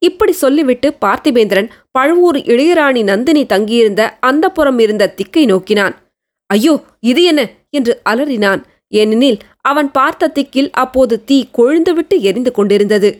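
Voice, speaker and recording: A woman narrating a historical novel as an audiobook, with steady storytelling. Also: high voice, normal speed.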